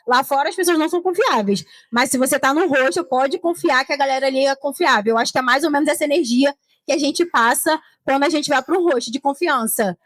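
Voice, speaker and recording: Fast, high-voiced Brazilian woman storyteller. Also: no echo. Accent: Brazilian Portuguese. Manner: animated storyteller acting out quoted dialogue. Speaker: panel guest, traveler. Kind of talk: casual panel conversation. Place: stand at a tourism fair.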